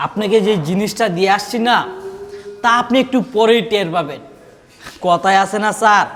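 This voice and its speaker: Casting: man playing a sly, fawning errand man, high voice. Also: a bit bright, long reverb tail. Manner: deferential, sly. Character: sly young male servant, obsequious then scheming. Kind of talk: amateur short film acting.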